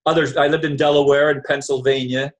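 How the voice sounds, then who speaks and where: A man from New Jersey hosting a casual chat, speaking in short, measured remarks. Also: mid-range voice, little pitch movement.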